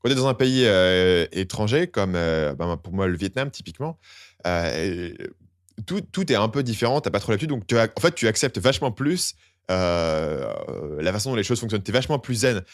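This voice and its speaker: A man's voice: on the low side, expressive, moderate pace, dry recording, studio quality. A young man hosting a podcast, chatting casually with lots of slang and acting out quoted complaints. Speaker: podcast host.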